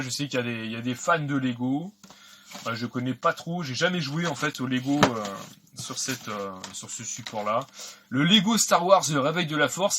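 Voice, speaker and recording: A man's voice: medium pitch, bright, forceful tone, slight background noise. A man casually talking through an unboxing of video games, chatty and hesitant with many fillers. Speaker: video game collector vlogger.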